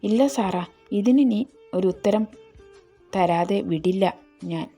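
A woman's voice: medium pitch, takes it slowly, mellow, husky, soft background music. A woman voicing an ardent young man who insists on his love in a storybook reading, speaking tenderly and firmly. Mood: ardent, insistent.

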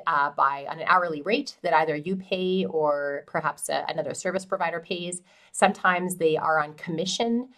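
Middle-aged woman, lowish voice, direct and encouraging advisor to camera. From Canada. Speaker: farm transition specialist. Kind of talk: educational talk to camera. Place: small indoor office.

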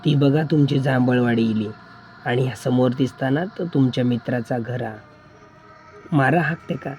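In this spoken horror tale, a gentle old forest guardian spirit, put on by a male narrator, talks in a calm, cryptic, reassuring way. He has a Malvani accent and a mellow, dark tone. His pitch sits in an ordinary middle range. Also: moderate pace, faint music behind, lightly acted. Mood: friendly.

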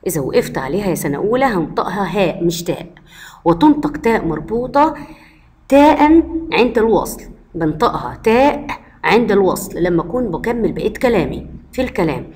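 This woman's voice is medium in pitch with a darkish tone; she speaks with an Egyptian Arabic accent. As a primary school teacher recording a lesson for first graders, she patiently asks questions of the class and answers them on her own.

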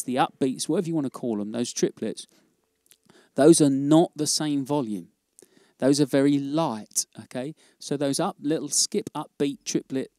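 A man teaching jazz drumming in a casual, relaxed way, often checking in with "okay?". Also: medium pitch, no echo, clean studio sound. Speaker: drum teacher. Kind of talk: casual instructional demo.

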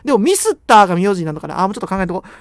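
A young man with a Kansai accent talks at a breakneck pace, his pitch leaping around as he rambles and jokes through a horror game. He makes fun of himself and the game's characters. The sound is close and dry, with no room around it. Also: very animated, very fast, no room sound. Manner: joking, rambling, self-deprecating banter. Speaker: game streamer. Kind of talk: horror game let's play commentary.

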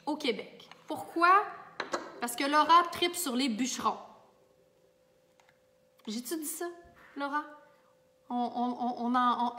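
A Québécois woman, a makeup artist and teacher, chatting warmly and enthusiastically to her viewers in a casual vlog. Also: high voice, long reverb tail, slight background noise. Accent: Québécois French. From Quebec. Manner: warm, enthusiastic, talks straight to viewers.

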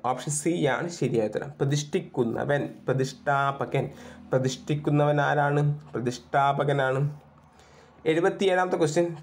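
A man runs an exam prep lesson in a fairly high voice. He quizzes the listener aloud and says every answer again and again, drilling it in. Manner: repeats each answer several times, quizzing aloud. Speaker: exam coaching teacher.

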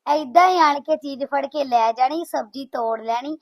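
A Punjabi woman with a high voice plays a defensive sister-in-law in a village drama. She protests and argues her side with insistence. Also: normal speed. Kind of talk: scripted village family drama.

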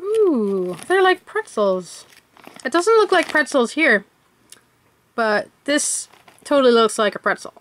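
A woman's voice: high voice, big pitch swings, slow, fairly bright tone, slight background noise. Chatty woman tasting snacks on camera. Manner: chatty, thinking aloud while unwrapping. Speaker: vlogger. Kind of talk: casual snack-tasting vlog.

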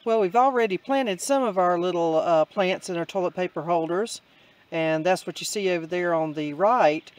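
A person filming and narrating homestead chores in a relaxed, step-by-step way. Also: mid-range voice, moderate pace, low-quality recording. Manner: easygoing, explains step by step with fillers. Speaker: camera operator and co-narrator. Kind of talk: casual vlog narration.

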